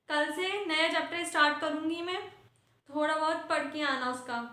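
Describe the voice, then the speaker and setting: A woman's voice: high-pitched, sharp tone, echoey room. A woman playing a strict teacher in a comedy sketch, lecturing and scolding her class.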